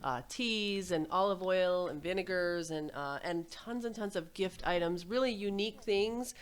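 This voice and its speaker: Chatty woman, lowish voice. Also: moderate pace, clear, resonant tone. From New Jersey. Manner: chatty, laughs often, many fillers. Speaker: podcast guest. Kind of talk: casual interview chat.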